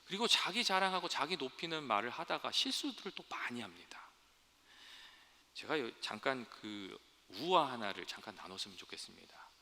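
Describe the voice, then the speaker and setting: Lively bright-voiced preacher in a ringing hall. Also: male voice, medium pitch, moderate pace. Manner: earnest, storytelling, addresses congregation directly. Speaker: pastor. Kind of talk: sermon. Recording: long hall reverb.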